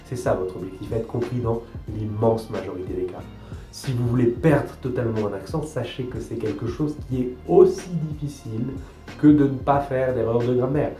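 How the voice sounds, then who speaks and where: Here the French coach sounds darker in tone, keeping a medium pitch and a moderate pace. Light guitar music and room echo surround his talking-head language video, in which this young man emphatically teaches pronunciation and restates key ideas.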